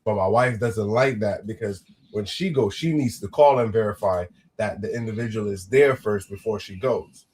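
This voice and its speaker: A man's voice: on the low side, normal speed, darkish tone, slight background noise. A man co-hosting a casual panel chat, explaining at length with frequent restarts. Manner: explains at length, with repeated restarts and "you know what I'm saying". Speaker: co-host of a panel show.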